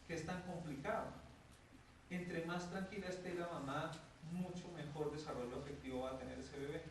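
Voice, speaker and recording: A man's voice: a little high, a little hiss or hum. A man with a Colombian Spanish accent gives a lecture in a conversational way, often asking his listeners "¿sí?" and acting out what mothers say. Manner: conversational, often checks in with "¿sí?", acts out quoted mothers. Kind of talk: lecture to an audience. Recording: very echoey room, mic far off, faint ambience.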